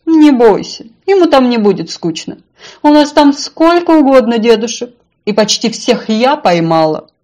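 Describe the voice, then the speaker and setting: A woman's voice: fairly high pitch, moderate pace, voice pushed up. A woman doing a sly, self-important fish. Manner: calm, unflappable, sly.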